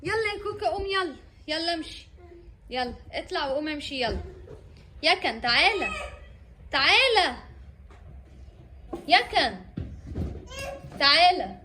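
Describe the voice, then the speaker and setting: A young woman with an Egyptian accent talks to her baby in a sing-song, encouraging way. Her voice sits high and sounds bright and clear. She is filming at home in a kitchen area. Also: sing-song, a little slow, pauses often, slight background noise. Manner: coaxing, sing-song encouragement with frequent laughter. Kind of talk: home video chat with her children.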